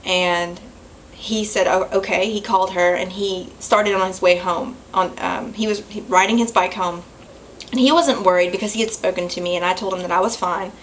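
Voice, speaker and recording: A young woman telling a personal story to her camera at home, emotional and halting, with apologies and small laughs. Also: lowish voice, fairly even intonation, slight background noise, poor audio. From Southern United States. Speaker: vlogger.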